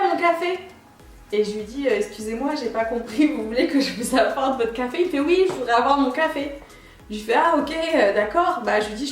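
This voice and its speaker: A woman vlogger telling a casual story in her apartment, acting out each side of the dialogue. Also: fairly high pitch. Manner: animated, acts out both sides of the dialogue. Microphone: camera mic. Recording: roomy, echoey apartment room.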